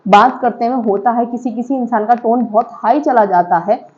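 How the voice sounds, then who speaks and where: A woman's voice: a little high, moderate pace, phone-quality sound. A woman giving casual, emphatic opinion commentary to viewers on a reality show, slipping in English words and checking in with her listeners.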